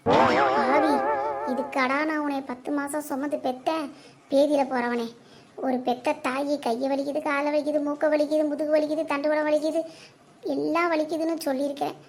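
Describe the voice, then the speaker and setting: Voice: little pitch movement, moderate pace, soft background music. A performer voicing a quarrelsome elderly mother in a cartoon, nagging and hurling insults at her son. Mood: aggrieved. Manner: shrill nagging scolding, insults. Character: quarrelsome elderly mother, sharp-tongued and scolding. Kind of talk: cartoon comedy voice acting.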